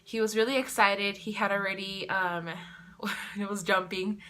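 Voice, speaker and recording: A young adult woman vlogging, telling a personal story in a casual, animated way. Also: mid-range voice, a little slow. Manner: animated, acts out quoted dialogue.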